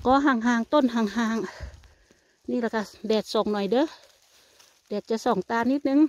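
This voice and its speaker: A woman's voice: a little high, a little slow, darkish tone, dull audio. An older woman with an Isan Thai accent chats casually to viewers while picking berries in a forest, calling them family. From Thailand. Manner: chatty, addresses viewers as family. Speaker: vlogger. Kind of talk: casual chat while foraging. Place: outdoors in a forest. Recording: faint outdoor noise.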